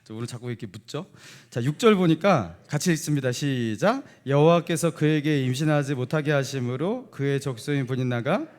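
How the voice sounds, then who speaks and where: A man's voice: medium pitch, lively intonation, fairly quick, hardly any pauses, a little mellow. A middle-aged man preaching a Sunday sermon in a church, asking the congregation playful either-or questions and chuckling between points. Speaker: pastor. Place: church sanctuary.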